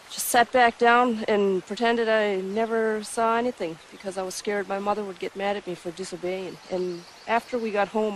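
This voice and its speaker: A woman's voice: mid-range voice, a little hiss or hum. A woman in her thirties, interviewed alongside her mother, recalling a childhood memory in a casual, chatty way. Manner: casual, chatty, with small laughs. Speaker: interviewee, daughter. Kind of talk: casual spoken recollection.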